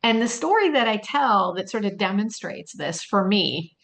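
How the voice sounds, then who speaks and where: A woman's voice: mid-range voice, animated, moderate pace, creaky, fairly bright tone. A woman presenting a training webinar in a loose, conversational way, thinking aloud with frequent fillers and rhetorical questions. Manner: storytelling, with quoted lines in a lifted voice.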